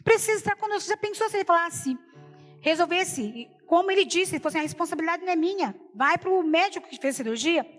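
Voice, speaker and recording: A woman's voice: very high voice, animated, fast talker, fairly bright tone, long reverb tail, faint music behind. A woman preacher giving an emotional personal testimony in a sermon, retelling the story with many repeated quotes, speaking Brazilian Portuguese. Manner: storytelling, repeats "falei assim".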